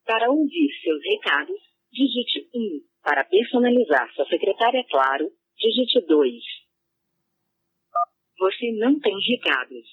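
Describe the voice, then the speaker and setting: A woman voicing an automated voicemail system, with a flat, mechanical delivery. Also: a little high, a little slow, long pauses, slightly rough, full character voice. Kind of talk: automated phone menu. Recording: tinny phone line.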